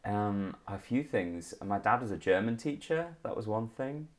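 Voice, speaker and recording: A man's voice: lowish voice, lively intonation, moderate pace. A man in his thirties from Liverpool with a Liverpool accent, talking casually as an interview guest with many ums and restarts. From England. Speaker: guest, comedian.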